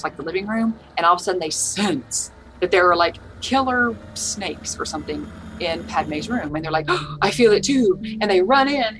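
A woman in casual chat, telling stories in an animated, slangy way. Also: mid-range voice, noisy background.

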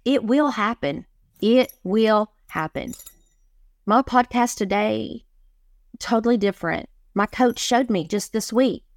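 A woman's voice: fairly high pitch, expressive, slow, no room sound, clean studio sound. A middle-aged woman, a business coach interviewed as a guest, speaking earnestly and emphatically and often repeating her key phrases. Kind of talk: motivational interview talk.

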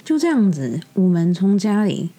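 A young woman with a Taiwanese Mandarin accent, hosting a podcast and telling a story in an exasperated, lively way. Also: medium pitch, moderate pace. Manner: exasperated, animated retelling with quoted dialogue. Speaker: podcast host. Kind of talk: casual storytelling monologue. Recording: soft music bed behind. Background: faint background music.

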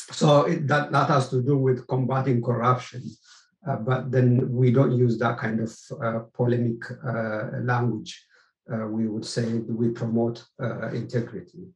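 A middle-aged man from Ethiopia, a theology researcher answering interview questions in a measured, halting way. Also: mid-range voice, a little mellow. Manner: measured, halting, searches for words. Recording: roomy echo.

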